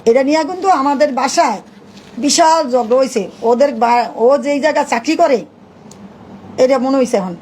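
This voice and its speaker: Middle-aged woman, high-pitched and rapid, telling her story in a rambling way, faint noise behind. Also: darkish tone, poor audio. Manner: rapid, rambling, acts out quoted dialogue. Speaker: interviewee, mother of the subject. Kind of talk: emotional spoken account to reporters.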